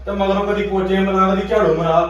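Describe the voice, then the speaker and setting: A man's voice: high voice, level tone, brisk, natural voice. A man playing a young son who confronts his mother in a family skit, speaking with a Punjabi accent. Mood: accusing, firm. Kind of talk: amateur family skit acting. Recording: very echoey room, distant microphone.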